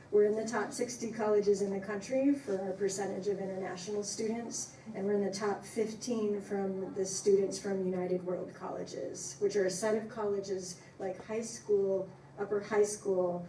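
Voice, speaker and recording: A woman's voice: mid-range voice, warm tone. A woman giving an informal talk to a congregation as a professor, speaking in an emphatic, appreciative way. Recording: echoey room, distant, faint noise.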